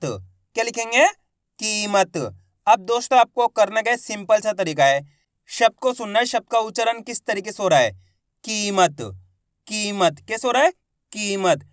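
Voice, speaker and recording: A man teaching Hindi reading in a slow phonics lesson, sounding out each syllable and then blending it into the word, asking the viewer questions and answering them himself. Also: high-pitched, clear, resonant tone, no room sound, clean studio sound.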